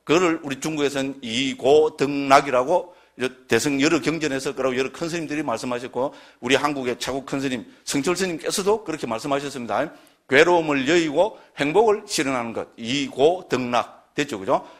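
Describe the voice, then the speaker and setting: A man's voice: mid-range voice, brisk. A man lecturing on Buddhist scripture, emphatic and constantly checking in with his listeners through short tag questions.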